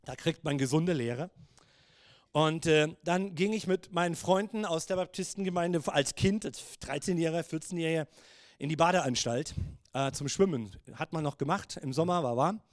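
A man in his fifties preaching a sermon, telling stories in a lively, conversational way. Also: on the high side, normal speed, dry recording, clean studio sound.

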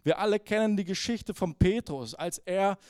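A male pastor preaches in a loose, conversational way, reflecting on his own habits and checking in with the congregation as he goes. His voice is fairly high for a man. The recording is close and dry, with almost no room sound. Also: moderate pace, a little mellow, clean tone, no room sound. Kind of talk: sermon.

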